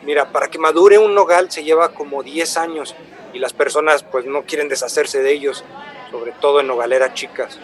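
In a radio drama, a male actor voices an earnest, courteous traveling buyer whose slightly high voice carries an eager, explanatory manner. He speaks at a normal speed in a lightly acted, patiently explaining mood, with a soft murmur of café patrons and some chatter behind him.

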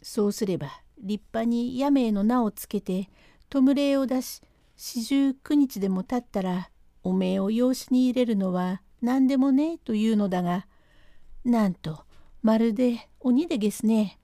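An excitable rustic manservant spills his news in thick country dialect, as a woman reader puts him on. The tone is mellow and the sound dry and close, like a storybook reading. He talks in urgent, rambling bursts. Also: a little high, unhurried, dry recording. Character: rustic middle-aged male servant, excitable tattler. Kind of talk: reading a classic rakugo transcript aloud.

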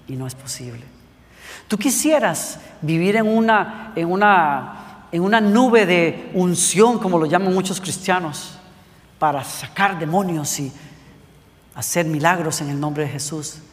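A man voicing God as a calm, patient presence speaking quietly and lower to a young believer. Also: big-room sound.

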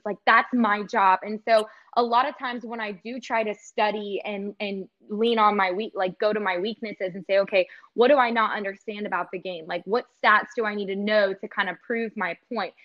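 A sports host and reporter with a medium-pitched voice talks earnestly in a casual podcast interview, heavy on "like" and "you know" as fillers. The sound is lo-fi.

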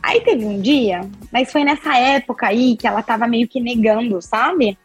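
A woman, a podcast guest telling her story in an expressive, chatty way with lots of tag questions. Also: fairly high pitch, normal speed, faint music behind. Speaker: podcast guest, breastfeeding consultant. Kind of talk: casual interview chat.

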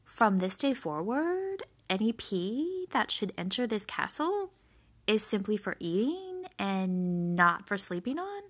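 A woman voicing a polite, delicate young princess in a soft, slow voice. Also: mid-range voice, big pitch swings, heavily acted.

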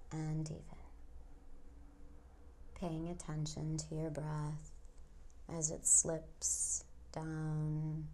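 A woman hypnotist leads a guided relaxation in a soft, hushed voice that sits a little low. She speaks very slowly, leaving long soothing pauses between short phrases, at times close to a whisper. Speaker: hypnotist guiding a relaxation session.

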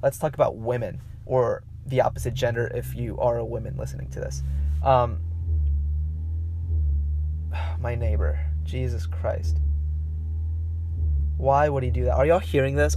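A man talks through a casual solo podcast at a medium pitch. He rambles, restarts his sentences and fills the gaps with "um" and "you know". He speaks straight to his listeners as if they were sitting across from him. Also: vocal fry, a little mellow. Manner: rambling and conversational, with many fillers and self-corrections; addresses listeners directly. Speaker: podcast host.

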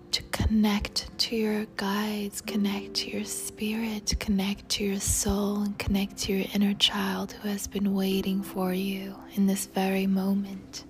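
A woman guiding a meditation in a soft, breathy spa whisper, soothing and tender toward the listener. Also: mid-range voice. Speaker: meditation guide. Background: music.

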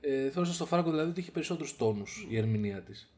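A man co-hosting a podcast, talking casually, with lots of fillers and a slangy, animated manner. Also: mid-range voice. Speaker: podcast co-host. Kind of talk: casual chat.

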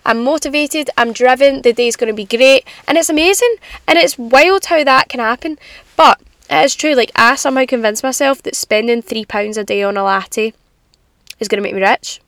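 This solo podcast host, a young adult woman, talks casually and confides in listeners with animated girly slang from inside her rain-lashed parked car. She speaks at normal speed in a high voice, and the recording is dry.

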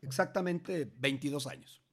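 A middle-aged man with a Mexican Spanish accent casually telling his grown child a story in a slangy, animated way, often restarting his sentences. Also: on the high side, normal speed, slightly rough.

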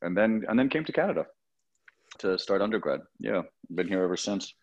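A man's voice: low voice, sing-song, brisk. A man from Lebanon in his thirties, a podcast guest telling his story in a reflective, casual way with frequent restarts. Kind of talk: casual interview talk. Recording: slightly dull lo-fi sound.

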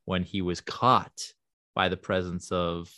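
A man co-hosting a tabletop game podcast, chatting loosely with rambling asides. His voice sits low, and the sound is dry and close with no room around it. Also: flat delivery, slow pace, sharp tone, dry recording. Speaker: podcast co-host. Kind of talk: casual chat.

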